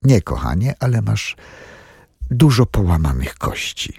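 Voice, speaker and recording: A man reading the part of a caring wife, speaking softly and reassuringly in a husky voice. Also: fairly low pitch, very animated, measured pace, no room sound, studio quality, full character voice. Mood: quiet reassurance. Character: caring woman, the injured man's wife.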